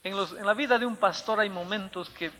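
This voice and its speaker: High, bright-voiced preaching man. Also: a little fast, big-room sound. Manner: emphatic preaching with storytelling. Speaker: pastor. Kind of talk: sermon.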